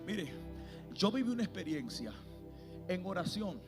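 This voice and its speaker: A male evangelist preaching an impassioned sermon to a church congregation, swinging between hushed and shouted delivery. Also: high voice, very animated, a little slow, over music.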